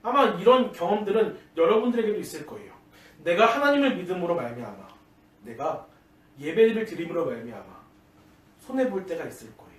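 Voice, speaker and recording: A man's voice: high-pitched, big pitch swings, brisk, a bit bright. A man, a junior pastor, preaching a dawn-service sermon in earnest personal storytelling. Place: church sanctuary. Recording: echoey church, distant mic, faint hiss.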